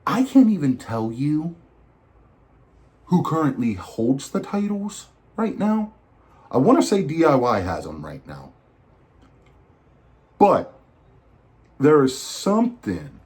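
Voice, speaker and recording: A man hosting a podcast, talking casually and digressively, with animated asides. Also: mid-range voice. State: recovering from flu. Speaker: podcast host. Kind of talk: casual wrestling predictions.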